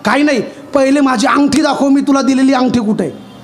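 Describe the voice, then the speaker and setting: A man's voice: extremely high pitch, brisk. A man voicing an anxious young warrior prince, urgently demanding and pleading in a devotional storytelling performance. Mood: insistent. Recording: live with instrumental music behind.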